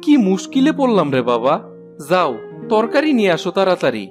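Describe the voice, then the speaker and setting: Over music, a woman voices an exasperated village farmer husband in a cartoon, sarcastic and complaining in a rural Bangladeshi accent. Her medium-pitched voice is sing-song and fairly quick, and the acting is light.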